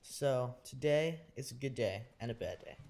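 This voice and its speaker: A man's voice: medium pitch, animated, normal speed, darkish tone. A young man, sick, rambling and joking crudely through casual game commentary as a gaming YouTuber.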